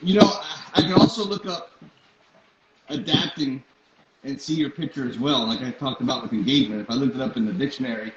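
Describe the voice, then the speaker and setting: A man's voice: mid-range voice, brisk, crowd noise. A man hosting a casual interview, asking questions in a conversational way. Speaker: interview host. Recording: muffled, roomy, noisy audio.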